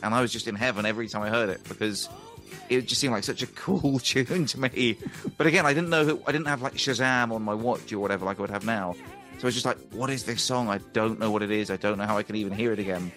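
A man's voice: lowish voice, steady tone, fast talker, fairly bright tone. Rambling guy telling a story on a podcast, chatty, mid-range voice, faint music behind. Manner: rambling, chatty, laughs often. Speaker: guest musician and ukulele teacher. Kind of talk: casual storytelling.

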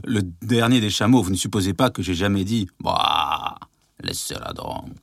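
An actor playing a quick-tempered, embarrassed husband who shouts and stammers in a comedy sketch. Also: male voice, lowish voice, vocal fry, no room sound, studio quality. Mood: flustered. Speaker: official receiving a visitor. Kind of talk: stage comedy sketch acting.

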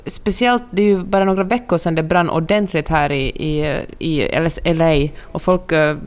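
Brief: woman co-host, casual and hesitant chat, lower pitch. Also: clean tone. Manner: hesitant, many restarts and fillers.

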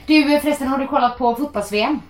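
A woman in her thirties chatting casually, lively and animated as she tells stories. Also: high-pitched. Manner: lively, animated storyteller who acts out shouting. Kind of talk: casual chat. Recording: echoey room.

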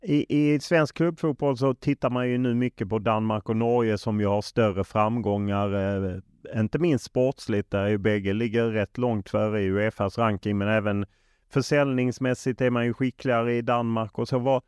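Male interviewer with medium pitch, very dry sound. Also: steady tone, a little mellow, smooth, dry recording. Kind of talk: conversational interview questioning.

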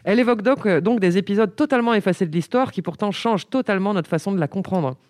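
A woman hosting a podcast, speaking quickly in a lively, casual way and praising her guests. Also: mid-range voice, no room sound, clean studio sound. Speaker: podcast host.

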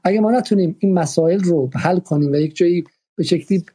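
A man moderates the discussion in a very dark, mellow voice with a husky edge. He talks thoughtfully and hesitantly, pausing often with fillers. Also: sits high. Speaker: host.

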